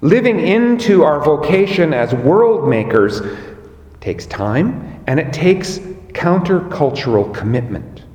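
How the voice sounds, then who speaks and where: A man preaching a sermon as pastor, slow and measured, rising on key words. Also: fairly high pitch, big pitch swings, a little mellow, reverberant, in a large hall.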